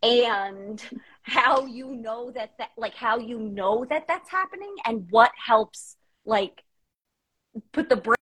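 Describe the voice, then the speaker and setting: Husky-voiced woman telling candid stories. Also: a little high, slow pace, low-quality recording. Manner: candid, animated storytelling with many "like" fillers. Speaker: podcast guest. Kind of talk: casual chat.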